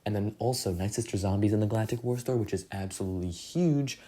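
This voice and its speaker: A young man with a fairly low, dark-toned voice talks fast while casually recapping his game progress. This gaming channel host rambles, pokes fun at himself, and fills his speech with lots of fillers.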